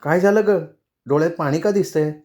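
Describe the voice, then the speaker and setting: Male reader playing a grown daughter; worried, coaxing, raised pitch. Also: a little fast, darkish tone, lightly acted. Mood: concerned. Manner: concerned, coaxing. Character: caring grown daughter visiting her mother.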